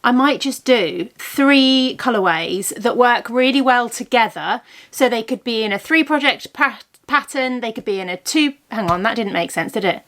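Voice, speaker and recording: With a cold blocking her ear and making her a bit congested, this thirtysomething yarn-dyeing vlogger rambles through a casual chat, full of ums and corrections. Her voice is on the high side and fairly bright, with lively intonation at a moderate pace.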